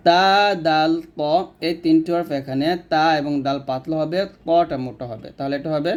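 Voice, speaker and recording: A Quran recitation teacher leads a patient, step-by-step pronunciation lesson, explaining each sound and then stretching the practice syllables out very slowly. His voice is a little high for a man, mellow and dark, with fairly even intonation, and the highs in the recording are cut off.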